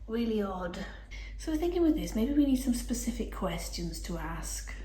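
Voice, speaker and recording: A woman's voice: mid-range voice, big pitch swings, normal speed, warm tone. A woman casually narrating a paranormal investigation and putting questions to spirits. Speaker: paranormal investigator hosting a session. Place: echoey indoor space. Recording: echoey room, clear background noise.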